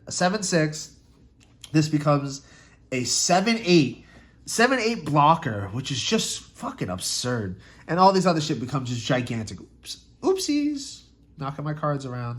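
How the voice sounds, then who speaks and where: A man's voice: a little high, lively intonation, normal speed, fairly bright tone. A young man casually walking through a trading card deck, with loose, rambling talk, restarts and frequent swearing. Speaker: card game content creator. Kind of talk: casual deck tech breakdown.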